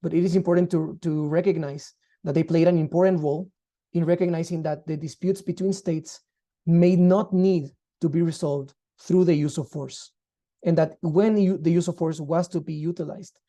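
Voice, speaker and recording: Very dark-voiced man lecturing. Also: fairly high pitch. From Guatemala. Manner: measured, formal, explanatory. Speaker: law lecturer. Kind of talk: online lecture.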